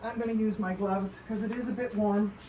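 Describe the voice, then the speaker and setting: A woman's voice: medium pitch, fairly even intonation, a little fast, dark tone, rough recording. A woman with a Canadian accent doing a casual live show-and-tell as a potter, chatty and rambling, often breaking off mid-sentence. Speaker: potter hosting a livestream. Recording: noticeable background noise.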